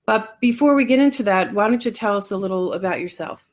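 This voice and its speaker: A woman with a mid-pitched voice co-hosts a podcast. She speaks in a friendly, slightly hesitant way as she asks a guest to introduce himself. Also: quick pace. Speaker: podcast co-host. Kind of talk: interviewing.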